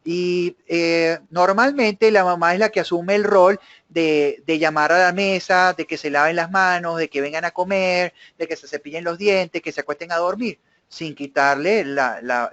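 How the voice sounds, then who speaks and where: High-voiced instructor, dull dry audio. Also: male voice, normal speed, a bit bright, dry recording. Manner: explains with homely family examples, checks in with questions. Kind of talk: live online workshop lesson.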